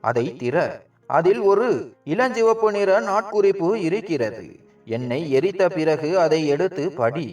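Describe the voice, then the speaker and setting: Man voicing a dying old aunt pleading softly. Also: fairly high pitch, expressive, a little slow, recorded from a distance, soft background music.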